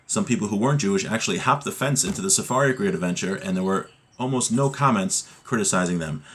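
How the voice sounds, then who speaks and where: A man with a voice on the low side teaches a religious lesson, explaining a text. He often poses rhetorical questions to check understanding.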